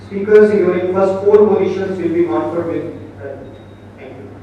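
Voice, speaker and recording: A man makes a formal, halting announcement as a contest announcer. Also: high-pitched, recorded from a distance, slight background noise. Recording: tinny, very echoey hall from afar.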